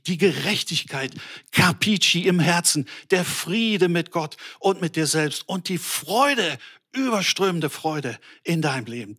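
A middle-aged man preaching an animated sermon to an online audience, speaking directly and colloquially to his listeners and telling stories. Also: fairly high pitch, slightly rough. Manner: colloquial with English words.

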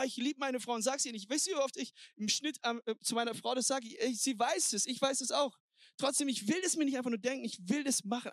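A married man preaching a sermon, energetic and exhorting, sprinkling in English words. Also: very high voice, no echo, clean studio sound. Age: adult, married. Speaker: pastor.

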